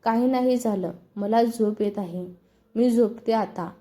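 A woman's voice: a little high, unhurried, mellow, lightly acted. A woman reading a storybook, voicing a sulky, stubborn young wife who gives curt, defensive replies.

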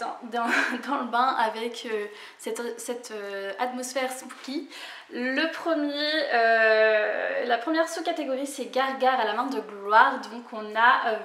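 A book vlogger in her twenties chats casually through a book haul, hesitant, full of fillers, and laughing at herself. Her voice is fairly high and fairly bright, and the recording is reverberant.

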